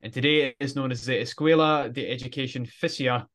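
A man's voice: medium pitch, quick pace, fairly bright tone. A man co-hosting a casual podcast, explaining at length and often restarting his sentences. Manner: explanatory, rambling with frequent restarts. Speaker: podcast co-host.

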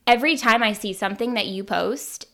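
A woman's voice: mid-range voice, fairly quick, a bit bright. Gushing woman podcast host. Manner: gushing, enthusiastic. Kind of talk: casual podcast conversation.

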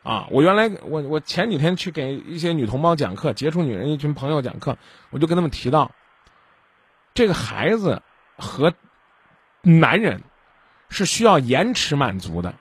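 A man's voice: fairly high pitch, big pitch swings, normal speed, slightly rough, no echo. A man hosting a radio call-in advice show, lecturing the caller and acting out little dialogues. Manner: keeps asking if the caller understands. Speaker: radio hotline host.

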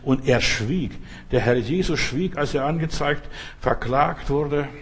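A man's voice: mid-range voice, measured pace, husky. A man preaching a provocative, conversational sermon, often asking his listeners whether they understand.

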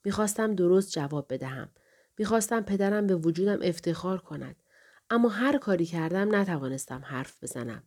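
A woman narrates a novel in the first person with a calm, measured delivery. Her voice is slightly low and warm, never bright. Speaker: audiobook narrator.

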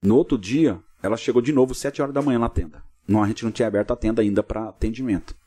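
A man, a pastor guest on a podcast, telling a long story in a casual interview, lively and acting out what people said. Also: fairly low pitch, slightly rough. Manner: fast, vivid storyteller acting out dialogue.

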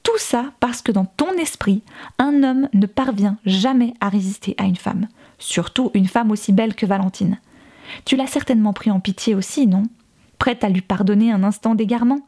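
For an audiobook, a woman with a mellow, medium-pitched voice and a normal pace voices an exasperated young woman confronting a rival with cutting rhetorical questions, acting it lightly.

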